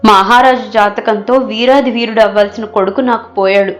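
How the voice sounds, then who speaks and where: A woman's voice: on the high side, fairly even intonation, normal speed, faint music behind, close to an everyday voice. A woman voicing a clever young palace maid who pleads and wails dramatically in a storybook. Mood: pleading. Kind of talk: storybook character voice.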